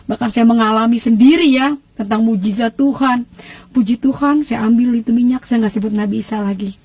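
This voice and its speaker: High-voiced woman telling her testimony. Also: brisk, husky, no room sound. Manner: emotional, animated retelling with colloquial asides. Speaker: person giving a faith testimony. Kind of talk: personal religious testimony, casual storytelling.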